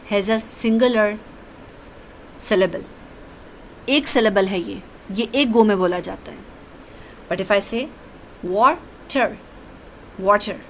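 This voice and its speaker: A woman teaches grammar at a painstakingly slow pace, drawing out each word. Her pitch sits in an ordinary middle range, and faint room ambience hums behind her. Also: fairly bright tone, a little hiss or hum, poor audio. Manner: slow, deliberate explanations, switching between English and Urdu. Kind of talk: classroom grammar lesson.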